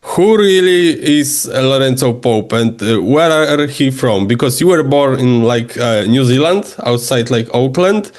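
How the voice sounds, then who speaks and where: A man whose first language is Polish hosts a podcast interview in English. He is hesitant, often searching for words and filling pauses as he builds his questions. His pitch is mid-range for a man. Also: lively intonation, a little mellow. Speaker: podcast host.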